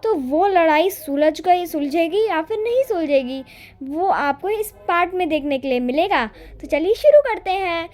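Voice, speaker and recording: A woman's voice: very high voice, lively intonation, moderate pace, a little mellow. A woman hosting her channel, giving a chatty, casual introduction to her drama series. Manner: chatty, repetitive. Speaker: channel host.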